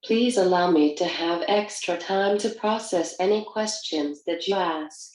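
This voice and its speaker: Lower synthetic woman's voice, echoey. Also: measured pace, darkish tone. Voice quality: synthetic text-to-speech voice. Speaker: panel guest using an augmentative communication device. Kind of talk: prepared message played by a communication device. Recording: roomy, echoing device playback.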